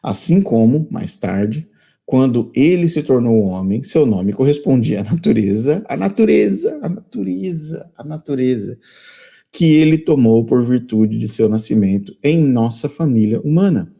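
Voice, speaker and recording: A man's voice: mid-range voice, animated, normal speed, dark tone. A man with a Brazilian accent hosting a critical commentary, reading quotations aloud and repeating his points with scornful emphasis. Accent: Brazilian Portuguese. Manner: emphatic and repetitive, restating lines. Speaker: channel host.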